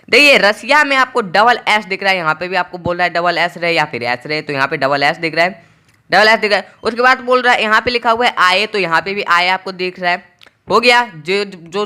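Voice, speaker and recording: A man teaching a pronunciation lesson, spelling out letters slowly and repeating each point. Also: sits high, sharp tone, clean tone.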